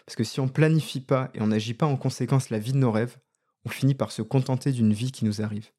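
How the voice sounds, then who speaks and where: A man speaks in a reflective podcast monologue, turning ideas over aloud and often questioning his listeners directly. His voice sits at an ordinary pitch with a warm, mellow tone. He sounds conversational and unhurried in his thinking. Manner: thoughtful, asks many rhetorical questions. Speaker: podcast host.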